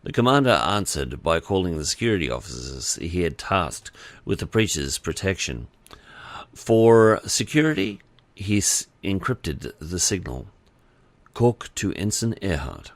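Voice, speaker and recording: A man narrating an audiobook with expressive storytelling. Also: low-pitched, unhurried, dry recording.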